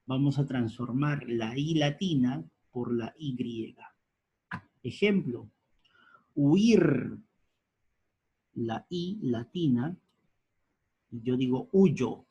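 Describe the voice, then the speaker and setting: Slow, husky male grammar teacher. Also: medium pitch, expressive, warm tone, highs cut off. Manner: slow, repeats key words for emphasis; spells out letters and examples deliberately. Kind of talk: grammar lesson at a board.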